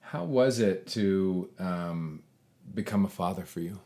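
A man's voice: sits low, takes it slowly, mellow. A man interviewing a guest, mostly giving short encouraging replies and asking follow-up questions. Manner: brief encouraging responses, asks questions. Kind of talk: casual interview.

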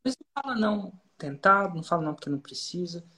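A lively storyteller with a Brazilian accent, chatting casually and slipping into the voices of the people in the story. The delivery is loose and conversational, sprinkled with "cara" and quick restarts, and sits at a middle pitch for the speaker. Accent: Brazilian Portuguese. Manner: animated, acts out quoted dialogue, frequent "cara".

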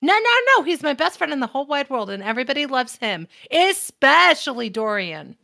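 A woman voicing an overeager, cheerful adventurer who gushes excitedly in a tabletop game. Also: brisk, gravelly, no echo, clean studio sound, exaggerated voice. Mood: gushing. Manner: gushing, excitable, squeaky. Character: overeager cheerful adventurer who calls herself "Hey You".

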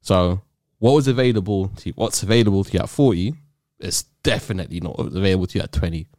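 A man's voice: low voice, quick pace, a little mellow, dry recording, clean studio sound. A man with a London roadman accent chatting casually in heavy street slang, often ending on tag questions. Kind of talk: casual podcast chat.

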